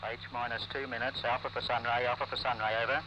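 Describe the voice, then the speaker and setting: A man's voice: mid-range voice, little pitch movement, quick pace, sharp tone. A man speaking terse, formal military radio procedure as an operator over a crackly radio link.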